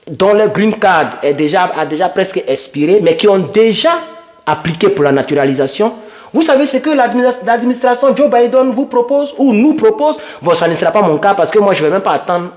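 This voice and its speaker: A man vlogging immigration news from his home computer, talking straight to his viewers in a loose, rambling way and sliding from English into French. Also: high-pitched. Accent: non-native English, French-speaking. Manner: switches between English and French, addresses viewers directly, rambling. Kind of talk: casual informal vlog. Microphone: computer microphone.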